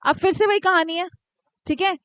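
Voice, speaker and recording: High-voiced teacher, dry close sound. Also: female voice, fairly even intonation, fairly bright tone, no echo. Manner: scolds and teases students by name, dictates slowly. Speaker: commerce teacher. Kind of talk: live classroom lecture.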